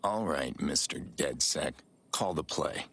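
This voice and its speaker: Grizzled male game vigilante: extremely low, husky growl, terse and weary. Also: lively intonation, takes it slowly, a bit bright, exaggerated voice. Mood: gruff, resigned. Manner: terse, dry, guarded. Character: grizzled, weary middle-aged male vigilante, gruff and dry.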